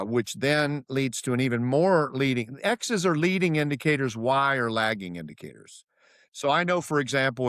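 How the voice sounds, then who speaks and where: A man's voice: medium pitch, dry recording, studio quality. A man talking as a consultant guest in an interview, telling stories and acting out what others said. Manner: animated, acts out quoted dialogue. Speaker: guest, process improvement consultant. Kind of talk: storytelling interview answers.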